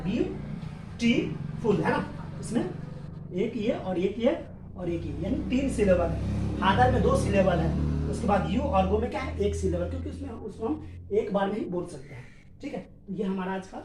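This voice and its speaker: A woman's voice: medium pitch, a little mellow. Female teacher, patient, repetitive, answers her own questions; recorded far from the mic in an echoey room. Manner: asks questions and answers them, tag "है ना" constantly; repeats each point slowly. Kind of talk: classroom-style explanation. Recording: roomy echo, distant mic, faint ambient noise.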